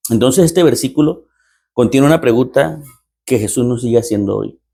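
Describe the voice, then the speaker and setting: Gravelly-voiced pastor telling a story. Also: male voice, medium pitch, moderate pace, warm tone. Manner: repetitive rhetorical phrasing, acts out dialogue. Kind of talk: storytelling sermon.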